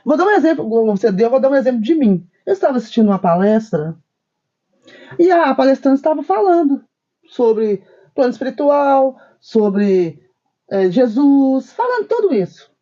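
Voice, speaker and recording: In a muffled recording, a woman speaks at normal speed in a warm, sing-song voice. As co-host of a spiritist discussion program, she is emphatic, relays stories with quoted dialogue, and her pitch swings widely on key points.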